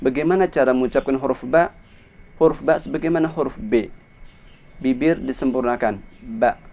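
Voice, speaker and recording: An Indonesian man leads a recitation lesson, pronouncing Arabic letters one at a time. He speaks slowly and deliberately, repeating each sound for practice. His voice sits in a plain middle pitch. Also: vocal fry, a little mellow. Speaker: Quran recitation teacher. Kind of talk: instructional lesson on letter pronunciation.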